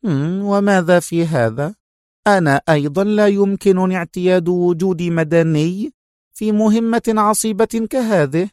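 A man voicing a proud, sharp-tongued young woman agent in an audiobook, speaking in a teasing, brisk way. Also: high voice, lively intonation, no echo, studio quality, voice pushed up. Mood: stubborn.

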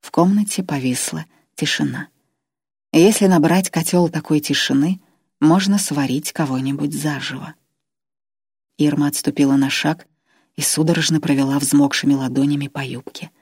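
A woman reading an audiobook in steady, measured narration. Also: low-pitched, breathy edge, dry recording, studio quality. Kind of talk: scripted narration.

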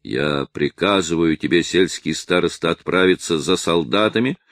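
A man's voice: sits low, moderate pace, fairly bright tone, dry recording, studio quality. A man doing a cold, haughty duke. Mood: commanding. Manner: cold, commanding. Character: haughty threatening duke, middle-aged man.

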